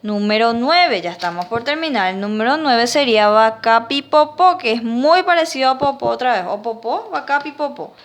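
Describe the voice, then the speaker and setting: A woman teacher with a Paraguayan Spanish accent patiently dictates words in a classroom lesson, sounding them out syllable by syllable. Her voice is fairly high and animated, at normal speed with hardly any pauses.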